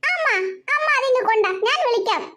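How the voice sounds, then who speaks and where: Brief: woman as a know-it-all cartoon big sister, very high, teasing. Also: lively intonation, fairly quick, sharp tone, a little hiss or hum, heavily acted. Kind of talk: cartoon voice acting.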